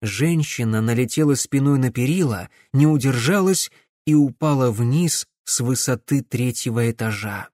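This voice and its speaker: Man narrating a dark fantasy audiobook. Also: mid-range voice, dry recording, clean studio sound. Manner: measured storytelling.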